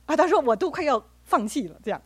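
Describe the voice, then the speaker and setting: A woman's voice: high-pitched, very animated, quick pace, darkish tone, no room sound. A woman preaching a sermon with personal stories, speaking earnestly and acting out the dialogue she quotes.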